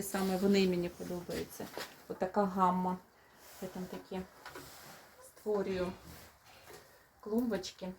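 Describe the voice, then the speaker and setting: Here a rose gardening vlogger and mom of a little one chats affectionately with viewers while opening rose seedlings in a casual unboxing. Her medium-pitched voice is warm, and a slight hiss or hum runs under it.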